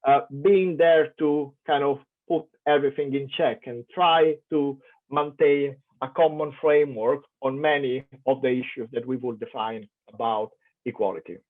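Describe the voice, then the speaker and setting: Medium in pitch and steady in tone, a man from Italy speaks at a moderate pace with an Italian accent while delivering an academic keynote lecture. His thoughtful delivery includes many fillers and restarts. It's recorded through an online conference call, sounding tinny and phone-like.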